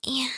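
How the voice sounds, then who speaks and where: Brief: woman voicing a tender girlfriend, bright hushed tone, hesitant and giggly. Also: no echo, clean studio sound, exaggerated voice. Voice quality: soft, often whispered. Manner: hesitant, giggly, lots of fillers. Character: affectionate girlfriend welcoming partner home. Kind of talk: audio roleplay.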